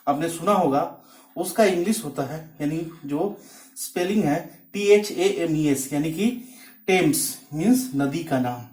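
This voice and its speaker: A man's voice: fairly high pitch, darkish tone. A man teaching a patient, step-by-step pronunciation lesson, repeating each word and its meaning. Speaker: English teacher. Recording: echoey room, mic far off.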